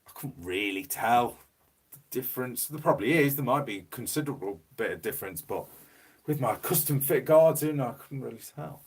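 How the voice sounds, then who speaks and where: A male livestream host with a fairly low voice chats loosely from a small room at home, picked up by a mobile phone mic. He's losing his voice, so he sounds hoarse and fading and keeps coughing. He rambles through viewer comments, repeating words as he goes.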